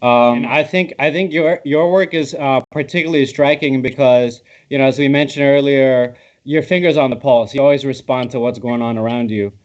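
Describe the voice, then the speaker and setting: A man's voice: medium pitch, steady tone, normal speed, few pauses, dull audio. A man hosting a livestream interview, asking earnest, thoughtful questions. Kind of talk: conversational interview.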